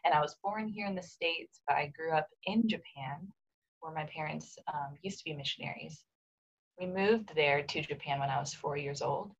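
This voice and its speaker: A woman in her twenties, a podcast guest, casually tells her background story with fillers and light laughs. Her deep voice has a breathy edge and moves at a moderate pace, and the sound is lo-fi.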